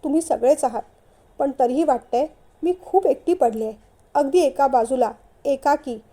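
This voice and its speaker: A woman's voice: sits high, moderate pace, warm tone, close to an everyday voice. A woman voicing a timid, tearful young wife who speaks hesitantly in a storybook reading.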